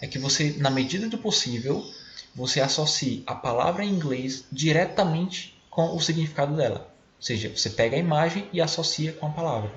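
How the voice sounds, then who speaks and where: A Brazilian man teaching an English vocabulary lesson to children in a patient, explanatory way, repeating words slowly to model pronunciation. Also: fairly high pitch, reverberant, lo-fi sound. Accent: Brazilian Portuguese. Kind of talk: recorded online class for children.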